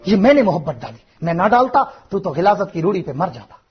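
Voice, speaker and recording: Husky high-voiced man preaching. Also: sing-song, fairly quick. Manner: emphatic, rhetorical, addresses listener directly. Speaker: Islamic preacher. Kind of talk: fiery sermon. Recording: muffled, lo-fi sermon recording.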